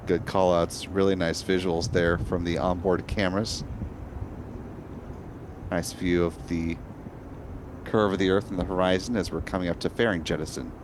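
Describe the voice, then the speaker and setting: Deep-voiced man giving launch commentary. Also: fairly even intonation, normal speed, pauses often, noisy background. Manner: explanatory, composed. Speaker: launch webcast host.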